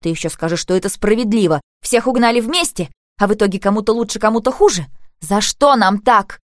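Bitter camp girl, as a woman reads her, sharp and complaining, dry sound. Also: medium pitch, normal speed, no echo, lightly acted. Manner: bitter, snapping.

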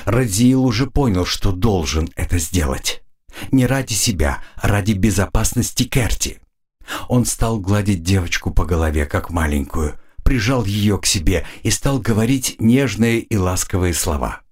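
A man narrating an audiobook in an expressive storytelling manner. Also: lowish voice, moderate pace, husky. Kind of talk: scripted narration.

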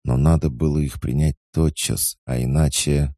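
Scared, evasive male court poisoner, a man doing the voice; raised from a very low, dark base, sounding close and dry. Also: fairly even intonation, normal speed, no room sound. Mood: pleading. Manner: pleading, evasive. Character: frightened cunning male royal poisoner, fawning. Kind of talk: audiobook reading.

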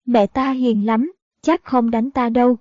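A woman voicing a kind, gentle young noble girl who speaks earnestly. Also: fairly high pitch, steady tone, a little slow, no echo, close to an everyday voice. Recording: dull, dry audiobook recording.

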